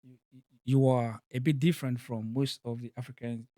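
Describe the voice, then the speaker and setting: A man's voice: medium pitch, steady tone, moderate pace, warm tone. A man hosting a casual panel discussion, who often repeats words and leans on fillers. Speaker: podcast host. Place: in Germany.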